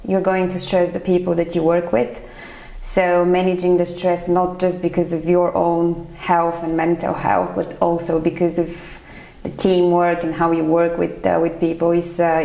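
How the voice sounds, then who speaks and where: Guesting on a casual podcast, a chief financial accountant from Bulgaria in her thirties pauses and hesitates through her thoughtful answers, using many fillers. She has a lowish, mellow voice with vocal fry, captured in a low-quality recording with an echoey room.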